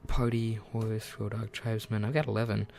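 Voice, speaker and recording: A man's voice: lowish voice, flat delivery, normal speed, vocal fry, a little mellow. A man giving rambling, self-deprecating let's-play commentary, often muttering asides to himself over faint game music. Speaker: gaming channel host.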